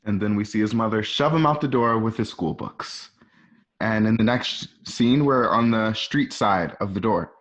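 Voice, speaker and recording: This man speaks at an ordinary speed with a fairly deep voice. He's reading out stage directions for a radio play, keeping it chatty and tossing in offhand remarks along the way, an informal style of scripted narration.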